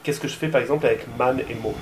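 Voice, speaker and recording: A man's voice: mid-range voice, fairly even intonation, very fast, a little hiss or hum. A man giving a casual songwriting tutorial, talking hesitantly with many filler sounds.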